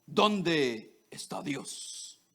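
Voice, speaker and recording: A man voicing a solemn pastor who speaks in a slow, deep, drawn-out preacher's voice. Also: animated, a bit bright, heavily acted.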